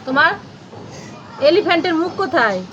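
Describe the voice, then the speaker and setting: Brief: mother vlogger, very high, light voice, coaxing and fussy with her child, faint background noise. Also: expressive, a little fast, highs cut off. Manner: coaxing, fussing over a toddler. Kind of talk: casual family home video.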